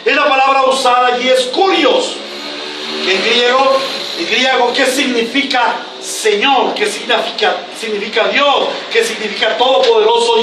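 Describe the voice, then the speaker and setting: A man preaching a sermon as pastor, slow and emphatic, breaking into shouts on key words, recorded in a church from a distance. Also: very high-pitched, background noise. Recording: echoey church hall, mic at a distance.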